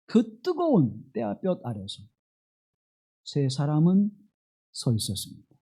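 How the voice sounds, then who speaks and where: A man preaching a Sunday sermon in a church, slowing down for scripture and asking the congregation questions. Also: a little high, huge pitch swings, breathy edge. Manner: slow, dramatic scripture reading with wide swings in loudness; asks the congregation rhetorical questions. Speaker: pastor.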